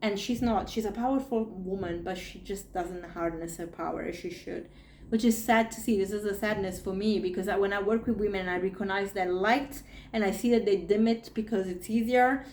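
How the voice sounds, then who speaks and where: A podcast host and spiritual coach in her forties talks casually and with animated emotion, often restarting and acting out her own inner thoughts. Her medium-pitched voice moves at normal speed in a roomy space with a little hiss or hum.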